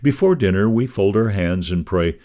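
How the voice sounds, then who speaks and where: A man giving a measured, expressive scripted reading of a devotional magazine column. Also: on the low side.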